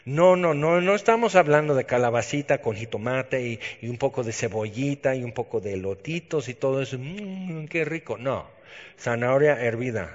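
A man with a Mexican accent giving a conversational sermon, telling stories with self-teasing humor. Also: medium pitch. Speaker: preacher. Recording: dull reverberant hall sound.

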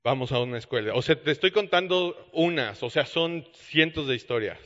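Male preacher, animated storytelling, roomy hall sound. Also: a little high, moderate pace. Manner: animated storytelling with quoted dialogue. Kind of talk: sermon storytelling. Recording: dull echoey hall.

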